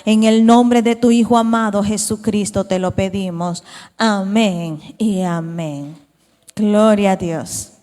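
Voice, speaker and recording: Lady teaching bible study, slow and chatty, quizzing the congregation, big echo. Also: medium pitch, mellow. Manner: asks the congregation questions, conversational. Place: church hall. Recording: reverberant church hall.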